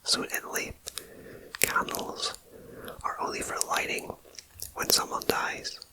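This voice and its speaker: Slow, soft ASMR whisperer reading facts. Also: poor audio. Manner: slow soft whisper with chatty personal asides. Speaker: ASMR host. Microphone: binaural ear-to-ear microphone.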